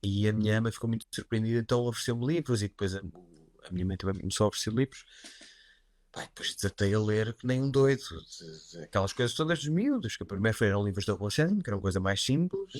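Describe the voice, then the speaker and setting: A man with a fairly low voice and a European Portuguese accent talks about writing, easygoing and a little self-mocking. He rambles comfortably with casual fillers. The sound is dry and close, with no room around it. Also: fast, no room sound. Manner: relaxed, chatty, self-deprecating, with many fillers like "pá". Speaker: guest writer and writing teacher. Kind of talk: casual interview conversation.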